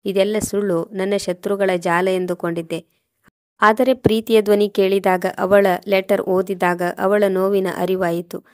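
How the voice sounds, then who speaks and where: A woman reading the lines of a stern, betrayed husband in a storybook tale, in a flat, accusing tone. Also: medium pitch, measured pace, no echo, clean studio sound, close to an everyday voice. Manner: accusing, harsh.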